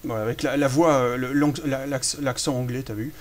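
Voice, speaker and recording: A man's voice: mid-range voice, fairly even intonation, a little fast. A man chatting casually through a behind-the-scenes commentary on his own fan film, self-amused and full of hesitations.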